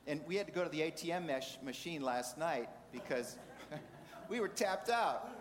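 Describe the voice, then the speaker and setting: A man preaching a sermon in a measured way, asking the congregation rhetorical questions. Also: on the high side, expressive, a crowd in the background. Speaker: pastor. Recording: reverberant hall with faint ambience.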